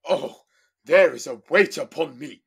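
A stubborn, haughty medieval tsar, acted by a man in a radio play, his gravelly voice pitched high and swinging widely as he laments and commands. He drags out his old-fashioned phrases slowly. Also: heavily acted. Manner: archaic formal speech, wailing laments.

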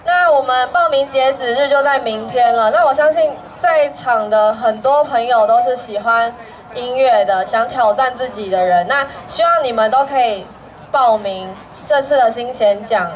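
A woman's voice: fairly high pitch, normal speed. A young woman with a Taiwanese accent making a live announcement as a student club publicity officer. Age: young adult. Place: outdoor evening festival stage. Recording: distant outdoor stage sound.

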